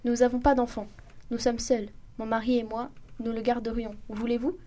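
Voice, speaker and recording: A woman's voice: fairly high pitch, flat delivery, normal speed, dark tone, natural voice. A woman voicing a spoiled young rich lady who pleads in a faltering, tremulous voice, in a story reading. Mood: pleading. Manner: breathless, faltering pleas.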